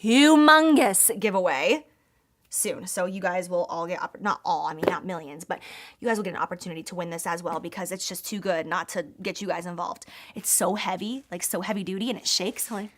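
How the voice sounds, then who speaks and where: A young woman beauty YouTuber presenting her own product launch, emphatic and gushing, filling her talk with "like" and squealing when excited. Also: fairly low pitch, fairly quick. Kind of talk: excited product reveal vlog.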